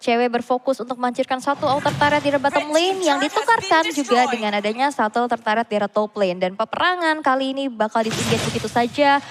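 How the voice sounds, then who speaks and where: High-voiced female esports caster. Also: animated, fast, few pauses, background noise. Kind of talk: live esports commentary with sponsor plugs. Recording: game music behind voice. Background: game music.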